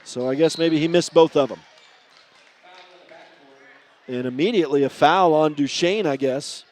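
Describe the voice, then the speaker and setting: A man calling a high school basketball game play-by-play, chatty and often correcting himself on air. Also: unhurried, a little mellow. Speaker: play-by-play announcer.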